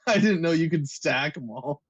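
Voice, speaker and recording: A man's voice: a little high, expressive, normal speed, breathy edge, muffled recording. A man playing in a tabletop game, chatting casually and joking. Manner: joking, laughs often. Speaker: player.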